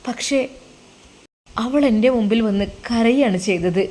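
Woman voicing a soft, sorrowful young male cleric. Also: fairly high pitch, a little slow, close to an everyday voice. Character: heartbroken young male religious teacher, quiet and sad.

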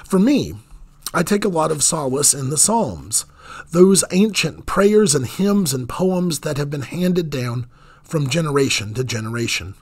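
A man preaching a sermon in an earnest, measured way, letting his voice drop on key phrases. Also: on the high side, sing-song, a little mellow, breathy edge.

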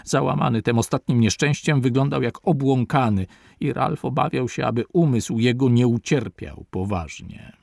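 A man narrating a classic adventure novel aloud in a measured literary reading. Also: mid-range voice, gravelly, a little mellow, dry recording, studio quality. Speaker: audiobook narrator.

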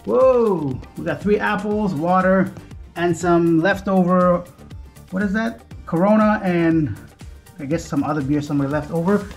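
A man's voice: high-pitched, a little slow, gravelly, soft background music. A man in his thirties talking casually to a handheld camera while touring an apartment. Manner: chatty, easygoing, talks straight to the camera. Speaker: vlogger. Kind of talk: casual travel vlog. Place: apartment indoors and city streets.

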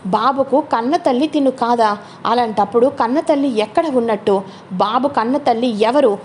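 A woman's voice: on the high side, normal speed, a little mellow, a little hiss or hum, natural voice. A woman voicing a proud, demanding matriarch insisting on answers, in a spoken soap-opera retelling.

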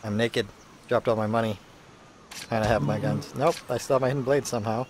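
A man's voice: medium pitch, fairly even intonation, a little fast, a little hiss or hum. A man giving casual video game playthrough commentary, with wry, grumbling, rambling asides. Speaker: gameplay commentator. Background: game ambience.

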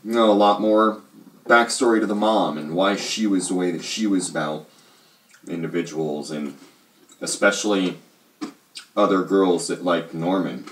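A man's voice: low voice, moderate pace, long pauses, a bit bright. A man co-hosting a casual show, talking in a rambling way full of fillers and hedges. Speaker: co-host. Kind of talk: casual chat reviewing a TV show. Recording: roomy, distant mic.

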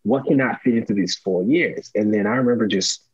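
A young man from Rwanda hosts a relaxed video-call interview. His voice is very deep and a little husky, and the call audio sounds slightly dull. He talks upbeat and casually, with frequent laughs. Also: a little fast. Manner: upbeat, laughs often, many "you know"s. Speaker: podcast host. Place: small room at home.

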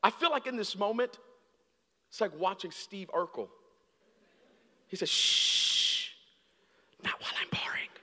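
A man in his thirties preaching a sermon on a large church stage with a handheld mic, swinging from hushed, slow lines to shouted peaks. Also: sits high, lively intonation. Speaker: guest preacher. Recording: long hall reverb.

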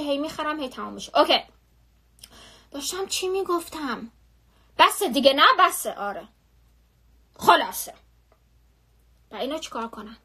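A young woman chats on a phone live stream, spinning a story in a lively, slangy way that keeps circling back on itself. Her voice sits high and rings bright and sharp. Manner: animated, chatty, full of slang and repetition.

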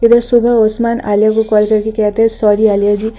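A woman's voice: medium pitch, level tone, fairly quick, dark tone, lo-fi sound. A woman narrating a casual recap of a drama episode, reading each character's lines in her own plain voice.

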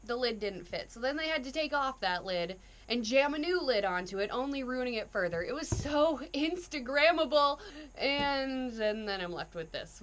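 Young woman vlogger, fairly high voice. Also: fairly bright tone. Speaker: vlogger reviewing a drink. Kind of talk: casual taste-test chat to camera. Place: indoor room, seated.

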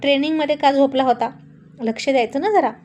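A playful young wife who teases and coaxes her husband with cheeky replies. A woman reads her in her own voice, fairly high in pitch, with only light acting. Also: fast, a little mellow, slight background noise, close to an everyday voice. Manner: cheeky, coaxing.

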